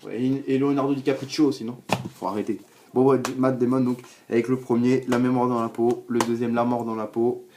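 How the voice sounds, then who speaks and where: A young man casually presenting his DVD collection, rambling with many fillers and repeated words. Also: mid-range voice. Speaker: collector showing his DVDs. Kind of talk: casual spoken review. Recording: noisy home recording.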